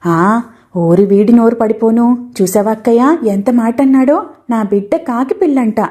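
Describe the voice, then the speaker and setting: This is a spoken storybook voice for a spiteful village woman, as a woman narrator puts her on. She taunts and hurls curses in a scolding voice. It is pitched a little high, with a mellow tone. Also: normal speed, husky. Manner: shrill scolding, cursing.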